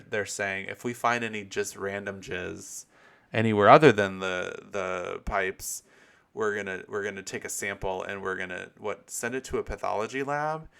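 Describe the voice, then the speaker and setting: A man on the low side, with vocal fry and a fairly bright tone, hosts a casual solo podcast monologue. His talk is candid, campy and profane, dotted with laughing asides.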